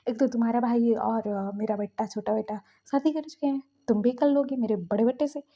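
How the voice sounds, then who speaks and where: A woman voicing a stern, domineering older mother who scolds with sharp retorts. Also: a little high, steady tone, fairly quick. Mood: scolding. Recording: dull lo-fi recording.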